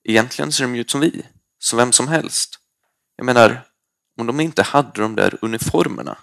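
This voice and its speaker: A man reading aloud voices a nervous, cautious schoolboy in a hushed, hurried way. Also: mid-range voice, creaky. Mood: uneasy.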